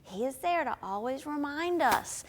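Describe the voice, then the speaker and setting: A woman with a high, bright voice leads children's Bible school craft time, upbeat and playful. Her voice rings with long echo, like a large hall. She talks straight to the kids. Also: expressive, measured pace, a little hiss or hum. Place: church room.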